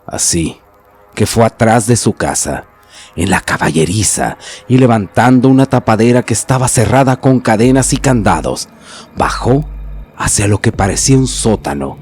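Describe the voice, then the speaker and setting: A man's voice: lowish voice, expressive, normal speed, darkish tone, husky. A man narrating a scripted horror tale in a dramatic storytelling manner. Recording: narration with faint music bed.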